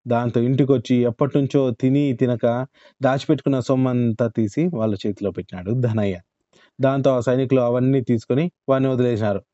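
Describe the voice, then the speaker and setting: A man calmly narrating a folk tale. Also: medium pitch, dry recording. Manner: calm, unhurried storytelling. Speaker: storyteller.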